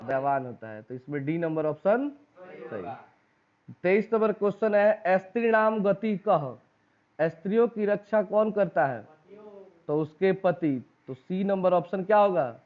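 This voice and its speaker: High-voiced Bihari teacher, tinny recording. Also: male voice, expressive, unhurried. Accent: Bihari Hindi. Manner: asks the class questions and repeats the answers. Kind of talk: exam-prep lesson, reading out quiz questions and options.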